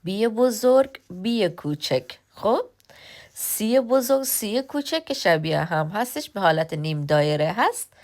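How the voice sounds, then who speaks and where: A woman giving a beginner English lesson. She speaks patiently, pauses often with fillers and sounds words out one letter at a time. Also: mid-range voice, expressive, darkish tone. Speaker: English teacher.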